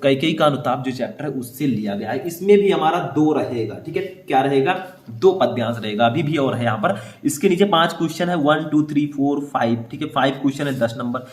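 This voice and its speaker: A man teaching how to write board exam answers. He explains step by step, checks in often with short confirmations, and reads passages aloud slowly. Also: mid-range voice, expressive, reverberant. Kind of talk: board exam writing lesson.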